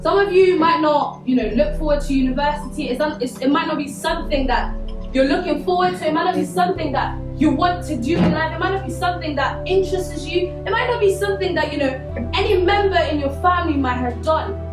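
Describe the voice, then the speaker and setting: Invited to speak at a school, a young adult woman from Congo delivers a conversational yet earnest motivational talk to the students, sprinkled with fillers like "you know." She speaks quickly in a high voice, heard from a distant mic in an echoey hall with music in the background.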